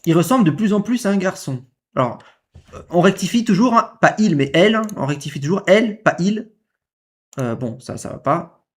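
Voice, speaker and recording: Animated and a little fast, a man with a high voice reacts to a clip in casual commentary. He's indignant, circling back to the same points and firing rhetorical questions.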